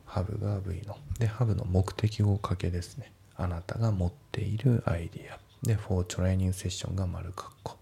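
Man, English teacher, dark raspy voice, gravelly, trailing whispers. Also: deep voice. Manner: explanatory, trailing off to a near whisper at sentence ends. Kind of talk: grammar and pronunciation lesson.

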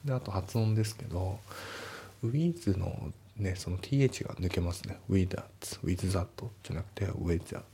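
A man giving a relaxed, step-by-step spoken English lesson, reading the sample sentences slowly. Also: lowish voice, creaky, a little hiss or hum. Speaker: English teacher.

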